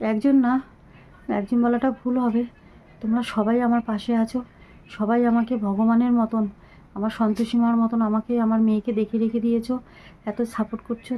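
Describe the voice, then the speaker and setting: A middle-aged woman talking slowly and haltingly to her viewers into a phone camera, weak and short of breath. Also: fairly high pitch, muffled recording. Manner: slow, halting, pleading. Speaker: vlogger. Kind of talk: casual talk to viewers.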